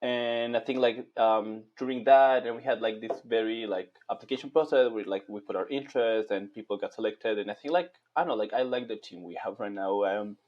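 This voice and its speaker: A man's voice: lowish voice, fairly quick, few pauses, highs cut off. Hesitant young Chilean man on a call. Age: young adult. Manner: hesitant, many fillers like "like" and "um". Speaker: guest, master's student. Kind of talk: casual interview on a video call. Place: small bright room indoors. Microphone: headset on a video call.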